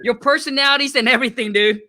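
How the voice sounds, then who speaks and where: Man from Vietnam, interview guest, casual and earnest, high voice, sharp bright tone. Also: steady tone, fast.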